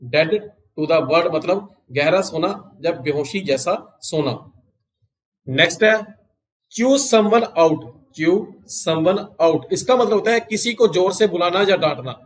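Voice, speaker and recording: Slow-paced Indian English teacher. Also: male voice, on the high side, poor audio. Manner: explains in Hindi, reads English phrases slowly and repeats them. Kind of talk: recorded exam-prep lesson.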